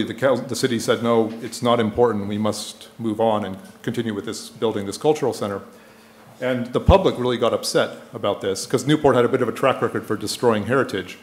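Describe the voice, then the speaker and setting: A middle-aged man presents a public lecture with slides at a conference, speaking at an ordinary male pitch into a gooseneck lectern microphone. His delivery is explanatory and informal, pausing as he searches for the next phrase. The indoor lecture room sounds echoey.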